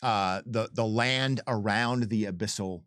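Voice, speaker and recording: A game developer on a commentary stream chats casually and unscripted about game design in a lowish, slightly bright voice, speaking a little slowly. He is emphatic, often repeating and restarting phrases. The studio-quality recording has no echo.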